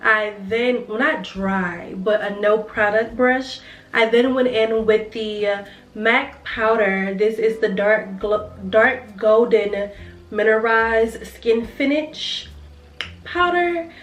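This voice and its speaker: Young woman doing a grwm, slow chatty talk, kinda far from the mic, roomy sound. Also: fairly high pitch. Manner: chatty and heartfelt, addressing viewers as girl and y'all. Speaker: beauty vlogger. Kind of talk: casual get-ready-with-me chat. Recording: roomy sound from a distance with faint music.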